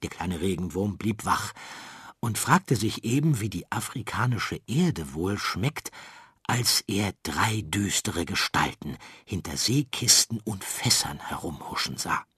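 A man narrating a children's story in a calm, expressive way. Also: sits low, unhurried, breathy edge, dry recording, clean studio sound.

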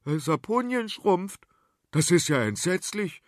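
A man's voice: medium pitch, huge pitch swings, unhurried, no room sound, clean studio sound. A man voicing a naive, easily alarmed young prince in a children's radio story.

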